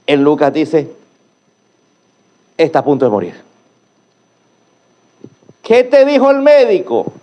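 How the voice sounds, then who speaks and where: A male pastor preaching a sermon with emphatic rhetorical questions, swinging between hushed low phrases and loud rising calls. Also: wildly swooping pitch, takes it slowly, pauses often, dull audio.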